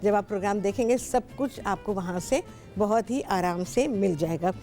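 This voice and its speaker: A woman's voice: medium pitch, normal speed, dark tone, faint music behind. A middle-aged woman with a Pakistani Urdu accent, hosting a television cooking show and chatting with callers in a talkative, instructive way. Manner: talkative, instructive, repeats herself often. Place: television studio.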